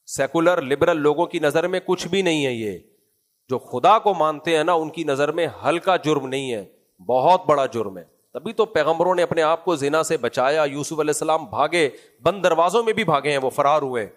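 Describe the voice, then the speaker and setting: A man with a Pakistani Urdu accent giving a Quran commentary lecture, asking rhetorical questions and answering them himself. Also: a little high. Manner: acts out casual scolding in asides. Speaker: preacher.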